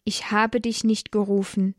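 A woman voicing the old priest Eli, calm and fatherly, in a storybook reading with measured speech. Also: mid-range voice, dry recording, clean studio sound, natural voice.

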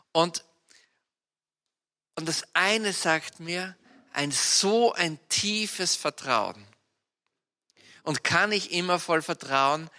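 A man with an Austrian accent preaching a sermon, telling personal stories in a lively, animated way with sudden loud outbursts. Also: sits high. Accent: Austrian German.

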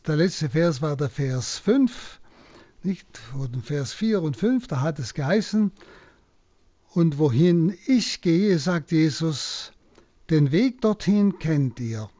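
A man, a priest, slowly and deliberately explaining a Bible passage on a radio broadcast. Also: fairly high pitch, dark tone, no room sound, dull audio. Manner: slow, deliberate teaching. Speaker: priest giving a Bible talk.

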